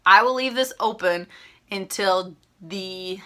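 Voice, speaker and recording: A woman's voice: mid-range voice, takes it slowly, bright, forceful tone. A young woman from Minnesota hosting her cross-stitch channel, chatting to viewers in a rambling, upbeat way that keeps correcting itself, her voice a little worn. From Minnesota, USA. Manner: upbeat and gushing. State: slightly losing her voice. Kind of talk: casual chat to viewers.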